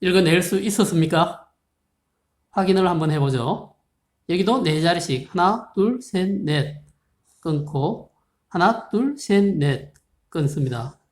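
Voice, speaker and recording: A math teacher giving a recorded lesson, explaining slowly and patiently, reading numbers out digit by digit and politely asking viewers to try. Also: mid-range voice, animated, darkish tone. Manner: polite formal speech, asking viewers questions. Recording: roomy, echoey room sound.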